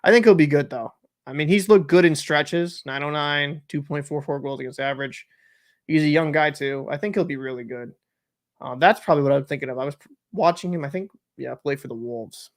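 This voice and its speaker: A man's voice: fairly high pitch, brisk. Chatty man hosting a live watch party. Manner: chatty, joking, answers live chat, loose and rambling. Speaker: livestream host. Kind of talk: casual watch-party chat and commentary.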